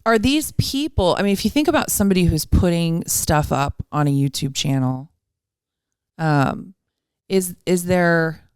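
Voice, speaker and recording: A woman in her fifties with a low voice talks casually as a podcast co-host. She jokes at her own expense and laughs easily, and her voice sounds dry and close. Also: animated, a little slow, clean tone, no echo. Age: 50s. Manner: joking, self-mocking, laughs often. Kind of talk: casual chat.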